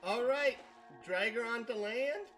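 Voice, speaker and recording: Bright, high-voiced man in gaming chat. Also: a little slow. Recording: game music behind the voice.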